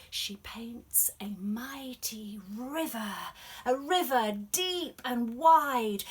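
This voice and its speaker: As a storyteller, a woman reads a children's storybook with expressive drama and plenty of variety, dropping to a hush in some passages. Her voice is on the high side and husky.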